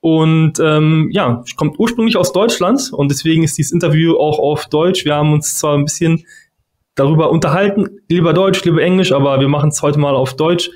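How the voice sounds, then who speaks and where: A man's voice: fairly high pitch, moderate pace, a little mellow. Rambling male podcast co-host on a call. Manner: rambling, many fillers and restarts. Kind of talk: casual interview hosting. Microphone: podcast mic on a video call.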